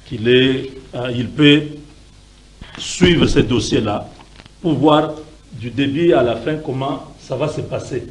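A middle-aged man, calmly explaining his view as a panelist in a studio debate, pausing with hesitations. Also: mid-range voice, low-quality recording. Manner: measured, explanatory, with frequent hesitations. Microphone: desk microphone.

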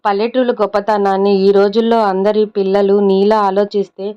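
A kindly older male driver, voiced by a woman narrator speaks gently and with concern. The tone is smooth. The recording sounds dull and lo-fi. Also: medium pitch, flat delivery, a little fast, natural voice. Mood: gentle.

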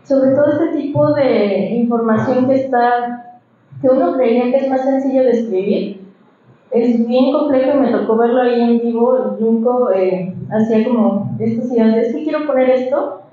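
A woman with a fairly high voice talks in a lively, conversational way about illustrating a book. She speaks on stage in a large, very echoey hall, and the sound is slightly dull. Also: moderate pace, a little hiss or hum. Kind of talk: book presentation talk.

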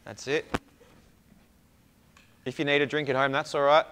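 A man's voice: a little high, little pitch movement, moderate pace, fairly bright tone, clear, resonant tone. A young Australian man working as a fitness coach, calling out short instructions and encouraging praise as he leads a home workout. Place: indoor room with hard floor and whiteboard.

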